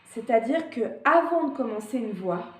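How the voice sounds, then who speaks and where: A woman's voice: a little high, lively intonation, normal speed. Woman giving climbing tips, echoey room. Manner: hesitant, many fillers and restarts. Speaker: climbing vlogger. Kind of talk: casual advice talk.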